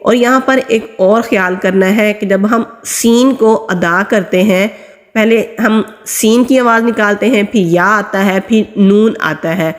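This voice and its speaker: Woman teaching how to say letters, patient and slow, mid pitch, lots of reverb like a hall. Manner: explains sounds patiently, then recites letters slowly and drawn out. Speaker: Quran reading teacher. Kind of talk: step-by-step recitation lesson.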